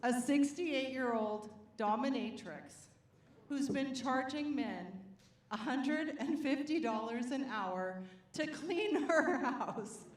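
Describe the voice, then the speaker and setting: A woman's voice: high-pitched, animated, slow, slight background noise. A middle-aged woman performing a stand-up comedy set on stage, with a wry, punchy delivery that draws out the punchlines. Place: comedy stage before a live audience. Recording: roomy live venue.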